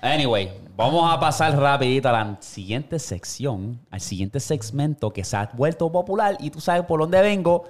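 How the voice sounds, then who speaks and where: A man's voice: mid-range voice, big pitch swings, moderate pace, few pauses. A man co-hosting a podcast, teasing and swearing his way through casual chat. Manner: teasing, rowdy, swears often. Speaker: podcast co-host.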